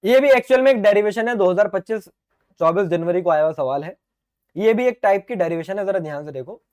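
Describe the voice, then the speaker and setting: A high-voiced, middle-aged man teaching physics to exam students in an online lecture. He is lively and playful, talks to the viewers as his dear children, and stages little back-and-forths by answering his own questions the way a student would. His voice is getting a little sore from talking so much. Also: fast talker. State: sore throat.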